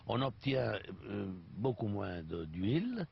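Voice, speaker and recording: A man's voice: fairly low pitch, very animated, slow, vocal fry, a little hiss or hum. An older man from Sicily speaking French with an Italian accent, earnestly searching for words as he explains his olive oil. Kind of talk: interview conversation. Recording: dull lo-fi TV recording.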